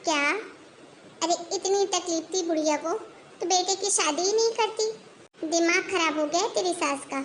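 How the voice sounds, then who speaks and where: A woman voicing a sharp-tongued older mother-in-law in a cartoon, nagging and scolding her daughter-in-law. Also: extremely high pitch, moderate pace, a little hiss or hum. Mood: indignant. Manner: nagging, shouting and complaining. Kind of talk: cartoon voice acting.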